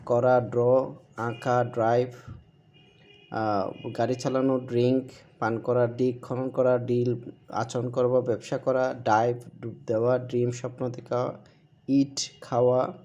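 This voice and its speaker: Slow, mellow-voiced man teaching. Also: mid-range voice, vocal fry. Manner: slow, drills pronunciation by repeating verb forms. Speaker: English teacher. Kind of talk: online grammar lesson.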